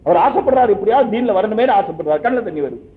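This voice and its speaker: A high-voiced man gives a religious talk, telling stories and firing questions at his listeners. The sound is thin and phone-like, and it rings in a roomy space. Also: lively intonation, fast. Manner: conversational storytelling with rhetorical questions. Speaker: preacher. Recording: echoey, tinny phone-like sound.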